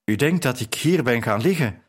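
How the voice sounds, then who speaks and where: A man reading the lines of a spirited young woman writer with quick, indignant retorts. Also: medium pitch, animated, husky.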